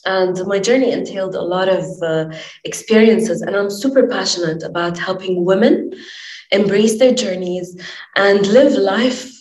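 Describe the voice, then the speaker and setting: A woman's voice: medium pitch, normal speed, a little mellow, reverberant, low-quality recording. A woman from Lebanon, a life coach, speaking earnestly and passionately in a podcast interview, with many fillers.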